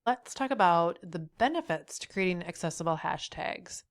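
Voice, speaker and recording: A middle-aged accessibility trainer with a head cold and a slightly nasal voice teaches a tutorial video, encouraging the viewer directly and often asking "right?". Her fairly low voice has lively intonation and a moderate pace, with studio quality and no room sound.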